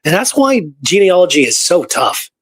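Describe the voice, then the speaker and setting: A high-pitched male co-host, who researches history, keeps a moderate pace on a casual show about research. His telling is lively and conversational, and he frequently checks in by adding "right?" to his points.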